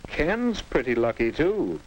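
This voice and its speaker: 1950s narrator, patient guide, instructive, very varied pitch, noisy old film soundtrack. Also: male voice, sing-song, takes it slowly. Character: patient, wise unseen narrator guiding a teenage boy.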